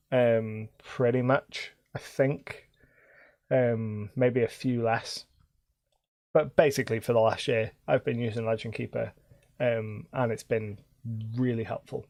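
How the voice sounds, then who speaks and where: A man casually chatting on a live stream as game master, rambling with frequent pauses. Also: medium pitch, no echo. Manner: rambling, many ums and restarts.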